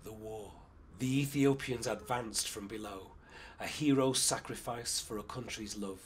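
A man performing a spoken-word poem in a measured, rhythmic declaiming voice. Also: mid-range voice, a little hiss or hum. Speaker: poet.

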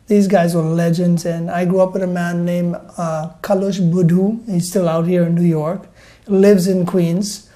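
A man in his forties from Guyana, a singer telling his family's musical history in a relaxed interview, pausing on fillers between names. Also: high voice. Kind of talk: casual interview talk. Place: indoor TV studio set.

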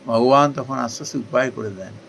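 A spiritual speaker delivers a devotional discourse earnestly and persuasively, posing questions and answering them himself, his emphasis rising and then softening. He talks fast at medium pitch, and the rough recording carries a little hiss or hum.

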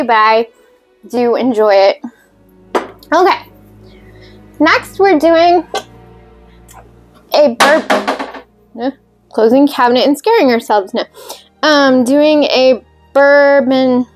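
A woman hosting a cocktail video, talking casually and rambling with fillers while she mixes drinks. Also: on the high side. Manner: chatty, rambling, self-deprecating with fillers.

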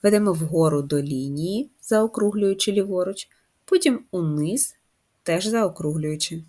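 A woman teaching young children to write, patient and methodical, walking them through each step and pausing to ask questions. Her voice sits fairly low and has a soft, husky edge. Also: animated. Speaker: primary school teacher. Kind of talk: first-grade writing lesson.

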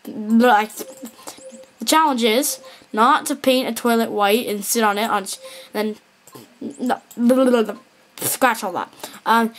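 A woman's voice: on the high side, a bit bright, slight background noise. A woman rambling through casual gameplay commentary, mumbling and correcting herself as she goes. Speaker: gameplay video maker.

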